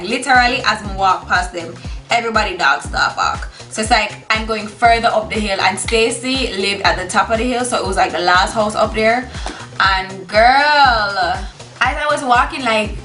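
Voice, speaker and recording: A young adult woman with a Jamaican accent tells a casual, animated personal story for a vlog, slipping into Jamaican Patois. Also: mid-range voice, moderate pace. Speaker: storytime vlogger. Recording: roomy echo with music behind.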